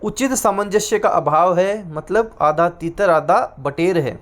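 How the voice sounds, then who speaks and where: A man with a Rajasthani Hindi accent teaches an exam-prep class in a fairly high voice. He says each answer more than once and slows down to dictate the terms.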